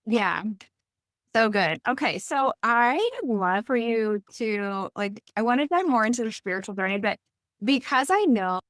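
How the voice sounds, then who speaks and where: A woman's voice: a little high, animated, a little slow, fairly bright tone, no room sound, studio quality. A young woman hosting a podcast, asking questions in an enthusiastic, chatty way with many fillers. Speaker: podcast host. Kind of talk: casual conversational interview.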